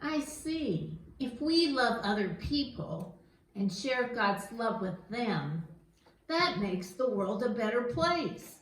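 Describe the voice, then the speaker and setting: A woman's voice: on the high side, big pitch swings, takes it slowly. A woman voicing a naive, snack-loving male puppet in a church skit, earnest and literal-minded. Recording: echoey room.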